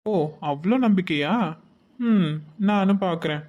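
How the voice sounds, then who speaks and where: A woman voicing a caring father in a cartoon, calm and reassuring. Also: fairly low pitch, measured pace, highs cut off, natural voice.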